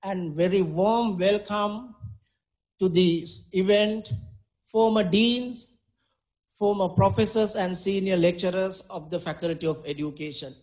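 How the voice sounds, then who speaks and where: A man with a notably high voice and a Sri Lankan accent delivers a formal welcome speech. His phrasing is ceremonious and halting, as if reading out a prepared address. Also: steady tone, darkish tone, poor audio. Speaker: faculty dean giving a welcome address.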